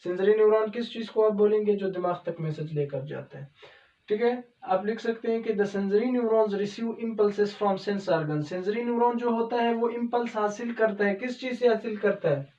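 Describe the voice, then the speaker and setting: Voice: medium pitch, darkish tone. Roomy, distant biology lecturer. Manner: asks rhetorical questions and answers them, repeats "okay" often; slow, step-by-step counting and pointing at a diagram. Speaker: biology teacher. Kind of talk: explanatory video lecture. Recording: dull, roomy sound from a distance from the mic.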